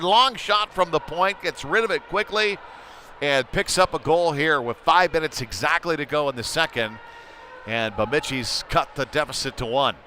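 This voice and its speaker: With a voice on the high side, a man offers informal play-by-play on an amateur hockey match, conversational in tone and excited whenever the game heats up. The audio carries a slight hiss or hum.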